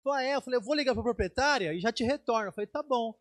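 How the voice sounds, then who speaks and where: A middle-aged Brazilian bishop preaches a sermon testimony, telling a personal story in Brazilian Portuguese and acting out the dialogue in a raised voice. His storytelling is animated and very fast. There is no room sound.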